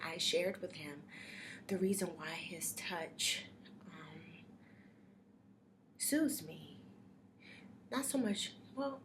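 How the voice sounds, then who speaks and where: A young woman in a casual, confessional vlog. She talks softly and reflectively and thinks aloud, with many fillers and restarts. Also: on the low side. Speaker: vlogger sharing personal reflections. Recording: steady background noise.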